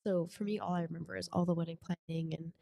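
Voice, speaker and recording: A young podcast co-host chats casually in a fairly low, creaky, dark voice with fairly even intonation and a quick pace. Her nose is stuffed up, and she rambles, corrects herself, restarts often and laughs a lot.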